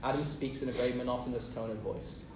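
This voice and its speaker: A man reads stage directions aloud at a script table read, speaking fast in a steady, medium-pitched voice. He is off-mic in an echoey room, so the audio comes out distant, noisy, and reverberant.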